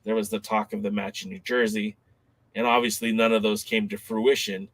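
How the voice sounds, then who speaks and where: This podcast co-host from Southern California has a fairly low, level-toned voice and talks at a moderate pace. He recalls past events casually and ramblingly, leaning on many fillers.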